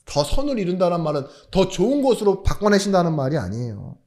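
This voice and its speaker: A man's voice: sits high, huge pitch swings, fast, mellow. A male pastor giving a sermon, asking rhetorical questions, throwing in jokes, and suddenly raising his voice for emphasis. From South Korea. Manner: jokey asides.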